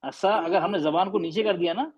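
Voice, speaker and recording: A man's voice: sits high, brisk, highs cut off, over a noisy crowd. A man teaching a class on pronouncing Arabic letters, patiently repeating and quizzing his students.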